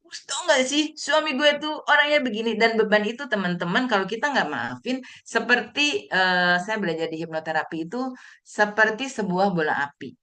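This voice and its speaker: A woman's voice: fairly low pitch, a bit bright. A woman giving an online motivational training talk over a video call, speaking conversationally and acting out the people she quotes in raised voices.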